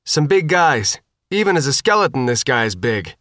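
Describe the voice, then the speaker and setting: A man's voice: mid-range voice, sing-song, moderate pace, fairly bright tone, no room sound, studio quality. A man voicing a tough young woman soldier who gives clipped, commanding radio calls. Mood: urgent.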